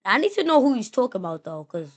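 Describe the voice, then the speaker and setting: A woman's voice: a little high, very animated, quick pace. New woman streamer, blunt and slangy. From New York. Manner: blunt, slangy, thinking aloud. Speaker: streamer reacting to a clip. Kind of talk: live stream reaction chat.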